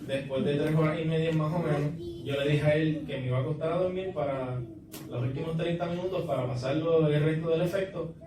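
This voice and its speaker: A young man gives a church testimony, stumbling and repeating words as he goes. His voice sits slightly high. He is picked up from a distance in a very echoey hall with clear background noise. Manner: halting, repeats words while storytelling. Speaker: testimony giver. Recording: echoey room, distant mic, noisy.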